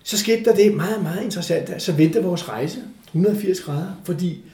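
An older man telling a story from his life in a casual interview, animated, acting out the voices of the people in it. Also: high-pitched. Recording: echoey room.

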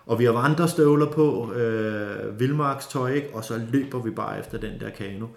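A man telling a lively, casual story with many fillers and restarts. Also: medium pitch, vocal fry. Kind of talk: casual spoken anecdote. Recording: roomy echo.

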